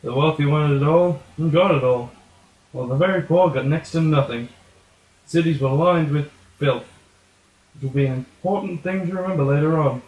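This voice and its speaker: A man's voice: a little high, normal speed, phone-quality sound. A man reading scripted educational narration for a comic puppet show. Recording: echoey room.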